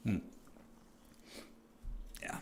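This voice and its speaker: A man, chatting loosely with his live-stream audience and commentating a strategy game match, with lots of fillers and restarts. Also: extremely slow. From United States. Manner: loose and chatty, many fillers and restarts, reads chat aloud. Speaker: streamer and caster.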